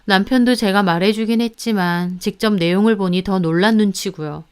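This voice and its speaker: A woman's voice: mid-range voice, normal speed, clean tone. A woman narrating a family conflict in the first person, indignant and confiding. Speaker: storyteller.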